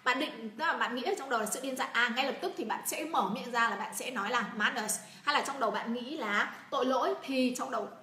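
Bright-voiced woman teacher drilling English words. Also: a little high, fast talker, hardly any pauses, reverberant. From Vietnam. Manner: drills words aloud, repeats and prompts learners. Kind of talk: classroom English pronunciation lesson.

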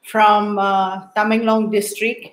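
A middle-aged woman with a Naga accent from northeast India talks as an interview guest. Her pace is slow and unhurried, and she speaks over a video call. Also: mid-range voice, level tone. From Manipur, northeast India. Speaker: guest, sociology professor. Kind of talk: interview talk. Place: book-lined room at home.

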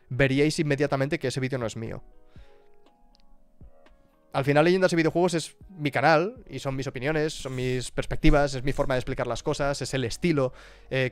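A man talks casually to his stream, restarting phrases as he thinks aloud. His voice is smooth and mid-pitched, recorded dry and close. Faint music plays underneath. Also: no room sound. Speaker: streamer and YouTuber. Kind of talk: casual live-stream chat.

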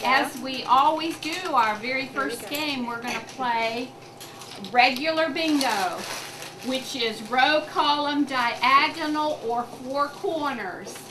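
An older woman acts as bingo caller for a group in a community room. Her voice is high and she takes her time, spelling numbers out digit by digit. The camera picks up clear room noise around her. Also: takes it slowly, echoey room, distant mic. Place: community room with tables of players. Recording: noisy room recording with ambient sound.

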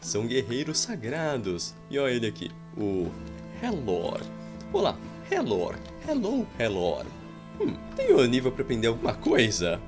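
A Brazilian man in his thirties streams his own gameplay from a small room at home, joking and exclaiming or sighing at what happens on screen. He speaks with a Brazilian Portuguese accent in a mid-range voice that swoops wildly in pitch, never hurrying. Faint game music plays behind him.

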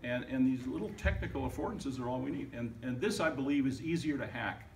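A man's voice: mid-range voice, fairly quick, gravelly. An older man fields audience questions at a tech event, emphatic and a little wry, with a mid-range voice. He sounds somewhat off the mic, and a faint room hum sits under his words. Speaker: speaker at a tech summit. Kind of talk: conversational Q&A answers. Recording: distant, noisy event room.

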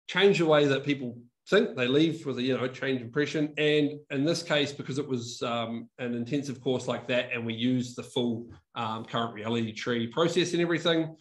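With a mid-range voice, a young man gives an online conference talk via video call webcam, sitting indoors by a whiteboard and a brick wall. He's from New Zealand, though years in Australia have softened his accent. He keeps it casual and chatty, often restarting words and laughing at himself.

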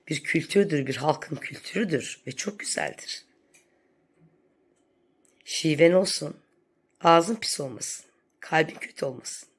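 A woman's voice: low voice, husky. A woman vlogger delivering a sarcastic, scolding rant in a commentary vlog.

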